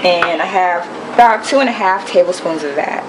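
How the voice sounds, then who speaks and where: A young woman giving a relaxed, step-by-step cooking demonstration in her home kitchen. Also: fairly low pitch, normal speed. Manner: relaxed step-by-step explaining with fillers. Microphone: camera held over the counter. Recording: loud kitchen noise behind voice. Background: pots, pans and sizzling.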